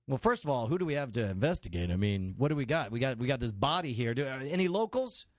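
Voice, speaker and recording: A man's voice: medium pitch, very animated, fast talker, no room sound, clean studio sound. A man co-hosting a comedy podcast, rambling goofily while playing detective and laughing often. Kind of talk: improvised comedy banter.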